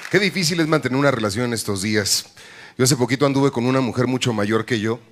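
A man with a Mexican accent doing a bawdy stand-up comedy routine on a live stage, jumping into shrill high voices for punchlines. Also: fast, a bit bright. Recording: live stage with audience crowd and noise.

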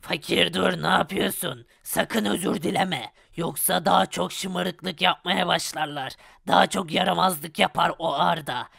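Gravelly villain Hades, voiced by a performer. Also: medium pitch, fairly even intonation, measured pace, hardly any pauses, fairly bright tone, no room sound, clean studio sound, heavily acted. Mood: menacing. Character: sinister demon Hades, manipulative villain. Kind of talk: Minecraft parody voice acting.

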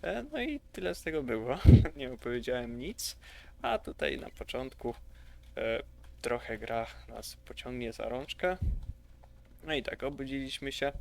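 Man, gravelly voice, casual gameplay commentary, rambling, enthusiastic. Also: mid-range voice, expressive, a little slow, a little mellow. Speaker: gaming youtuber.

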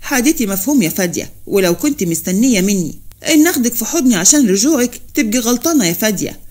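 A woman's voice: a little high, lively intonation, quick pace, darkish tone. A woman reading as a stern, proud Upper Egyptian husband. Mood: commanding. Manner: commanding, curt.

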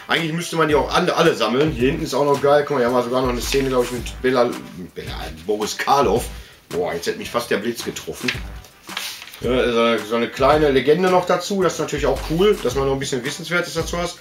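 A man with a medium-pitched voice talks fast while showing collectibles on his vlog. Surrounded by them indoors, he chats loosely and colloquially, frequently interrupting himself.

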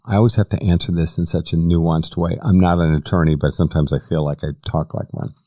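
A man's voice: sits low, steady tone, fast talker, warm tone, no room sound, clean studio sound. A man hosting a podcast, asking questions and giving long, careful explanations in casual interview talk. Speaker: podcast host.

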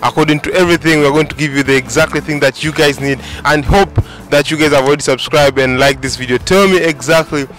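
A man's voice: on the high side, steady tone, fast, hardly any pauses, a bit bright, faint music behind. A man hosting a street interview vlog outdoors, speaking enthusiastically to camera with repetitive phrasing. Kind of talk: vlog host talking to camera. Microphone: handheld mic.

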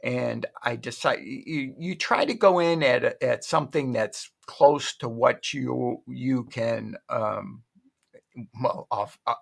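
Here a middle-aged man speaks slowly in a gravelly, medium-pitched voice. He's an online shopping vlogger doing a relaxed screen-share of an auction website from his desk at home, chatty and rambling, often correcting himself.

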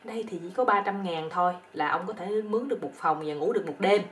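A woman with a Southern Vietnamese accent voicing a fussy male hotel owner who is polite with guests but loud and demanding when alarmed. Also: mid-range voice, fast talker, distant mic, slight background noise, natural voice. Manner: polite, then loudly demanding.

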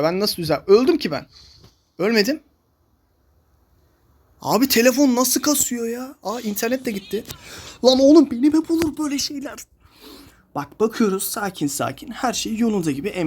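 A man's voice: high voice, expressive, a little fast, breathy edge. A young man giving casual commentary while playing a mobile game, ranting in exasperation at his teammates.

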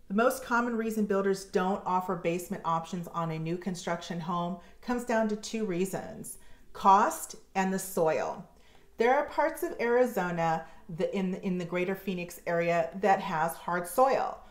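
A woman in her forties with an American accent, a real estate agent hosting her channel, explaining to camera in a measured, informative way with slow deliberate emphasis. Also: medium pitch. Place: home office, indoors. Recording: roomy office echo.

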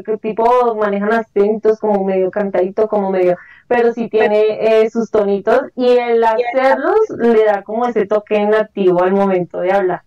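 A woman's voice: medium pitch, warm tone, far from the mic, highs cut off. A woman guest in a casual panel chat, talking in a rambling, chatty way with many fillers and restarts.

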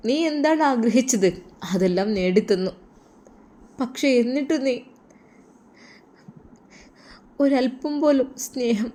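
A woman's voice: fairly high pitch, mellow, natural voice. A woman voicing a grieving adult man, an abandoned father who is crying, with a sorrowful, pleading manner in a storybook. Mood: reproachful. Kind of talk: storybook narration.

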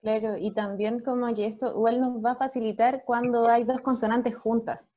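A woman's voice: a little high, little pitch movement, normal speed, mellow, lo-fi sound. A Chilean woman teacher patiently explaining phonics to parents, often checking in with "ya?". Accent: Chilean Spanish.

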